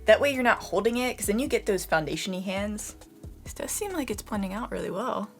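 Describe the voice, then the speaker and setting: A young woman giving a casual beauty product review. She is slightly hoarse and talks to her viewers in a chatty way, often using "like" as a filler. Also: mid-range voice, lively intonation, brisk, soft background music. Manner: chatty, addresses viewers as "you guys", frequent "like" fillers. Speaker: beauty vlogger.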